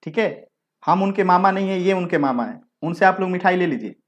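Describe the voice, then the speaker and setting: A man's voice: high-pitched, lively intonation, a little fast. A male teacher giving a live exam-prep lecture. He is chatty, repeats his points, asks the class rhetorical questions and banters with students between explanations.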